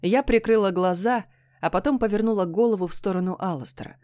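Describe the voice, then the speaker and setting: A woman narrates a first-person fantasy story in a hushed, tense reading voice. Her pitch sits in a comfortable middle range, and the recording is dry and close with no room sound. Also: fast, no room sound. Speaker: audiobook narrator.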